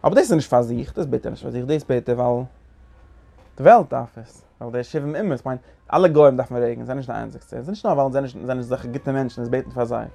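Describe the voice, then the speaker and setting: A man's voice: medium pitch, fairly quick, gravelly, mellow. A man giving a Torah lecture, asking rhetorical questions and restarting phrases often. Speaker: Torah teacher.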